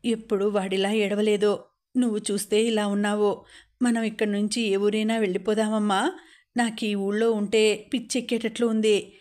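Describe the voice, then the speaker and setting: A woman's voice: medium pitch, level tone, normal speed, a little mellow, natural voice. A woman reading as a distressed young daughter. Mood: tearful.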